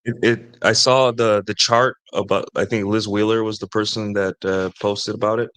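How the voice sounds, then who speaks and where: Podcast co-host, male, lower voice, hesitant talker; his audio sounds robotic and metallic, with electrical interference. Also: little pitch movement, moderate pace, fairly bright tone, smooth, no echo. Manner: rambling, hesitant, trails off with fillers. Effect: robotic, metallic voice with signal cutting in and out. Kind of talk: casual podcast chat. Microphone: desk mixer setup.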